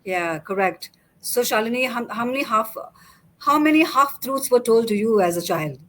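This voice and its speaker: A woman's voice: fairly high pitch, expressive, moderate pace, fairly bright tone, a little hiss or hum. A middle-aged woman hosting a casual interview chat, talking in a chatty way with many fillers and restarts. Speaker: host.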